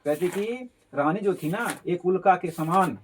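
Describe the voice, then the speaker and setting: A man's voice: sits high, animated, unhurried, slight background noise. A male teacher explaining a Hindi poem line by line, repeating and paraphrasing each phrase as he goes.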